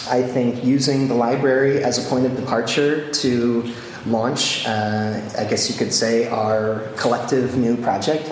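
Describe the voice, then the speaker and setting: A male event organizer welcomes his guests in a friendly but hesitant way, filling his pauses with many fillers. The sound is very echoey, with a light noise floor. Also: mid-range voice.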